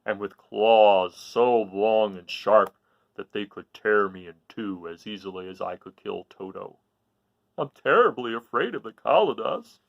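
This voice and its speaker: A man acts out a big male lion from a children's storybook. He is timid at heart yet brave, with dramatic, drawn-out emphasis and a very lively, swooping pitch. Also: gravelly, highs cut off. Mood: awed dread.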